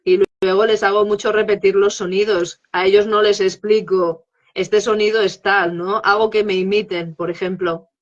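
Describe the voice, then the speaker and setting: A woman's voice: medium pitch, little pitch movement, moderate pace, dull audio. A woman, a guest expert on English teaching, explaining her method in a live interview and checking in often with tag questions.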